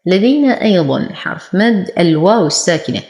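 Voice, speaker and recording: Woman teaching recitation, slow and echoey. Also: fairly low pitch, very animated, darkish tone. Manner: explains each letter rule, then recites words very slowly. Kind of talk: slow tajweed lesson with drawn-out recitation.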